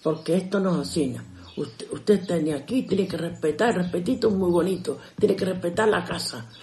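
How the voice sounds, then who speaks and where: A woman's voice: lowish voice, fairly quick, dark tone, natural voice. Older woman acting out a stern scolding mother. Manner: scolding, insistent. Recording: roomy echo.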